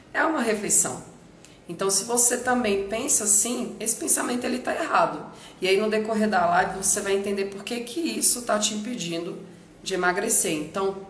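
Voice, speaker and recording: A woman hosting a live stream, explaining directly and addressing her viewers. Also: medium pitch. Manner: direct, speaks straight to viewers. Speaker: nutrition live stream host. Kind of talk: instructive live talk to viewers. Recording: echoey room with faint background noise.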